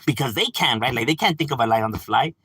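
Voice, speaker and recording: Husky and mid-range, this livestream host talks fast in a dry, echo-free recording. He's animated and argumentative, addressing viewers as "bro," laughing frequently, and filling gaps with "you know."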